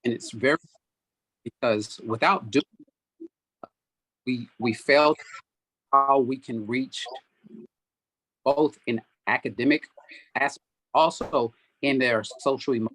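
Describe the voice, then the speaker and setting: A man answering forum questions as a school board candidate over a video call whose audio keeps breaking up, speaking haltingly and restarting his sentences. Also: medium pitch, a bit bright, dry recording, poor audio. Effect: choppy, breaking-up video call audio.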